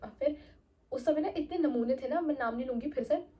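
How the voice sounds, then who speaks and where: A young woman chatting casually as a vlogger, telling an animated storytime tale. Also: high-pitched, fairly quick. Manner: animated, slips into quoted voices.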